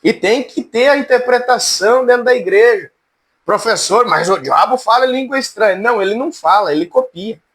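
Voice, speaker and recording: A man with a strikingly high, cracked voice leads a relaxed church class. He jokes along in a folksy way and keeps calling on students by name. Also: a little fast. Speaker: Bible teacher. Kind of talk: informal church class lecture.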